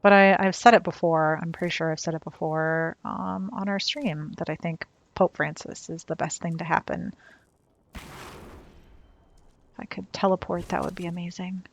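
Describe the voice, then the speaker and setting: A woman's voice: fairly low pitch, steady tone, a little slow, gravelly. A woman streaming a video game, chatting wryly and talking back to the game as she plays. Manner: chatty, wry, talks to the game. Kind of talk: casual chat while gaming.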